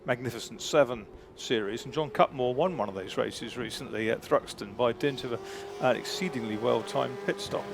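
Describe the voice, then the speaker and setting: A man's voice: mid-range voice, moderate pace, hardly any pauses. Man as motorsport co-commentator, mid-range voice, hesitant explanatory delivery, noticeable noise behind him. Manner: discursive, hesitant, choosing words as he explains. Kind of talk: live analytical motorsport commentary. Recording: clear background noise.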